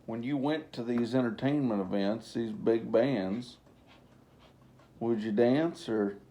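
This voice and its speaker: A man casually asking questions as an interviewer in a relaxed conversation. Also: medium pitch, takes it slowly, a little hiss or hum.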